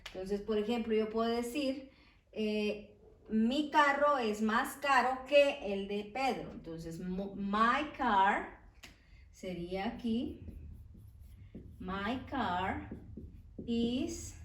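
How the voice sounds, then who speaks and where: A woman with a fairly high voice teaches grammar at a very slow, careful pace. She spells words out letter by letter. The sound is roomy and echoey, picked up from some distance away. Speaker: English teacher. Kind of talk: slow explanatory lesson. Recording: echoey room, voice from off-mic.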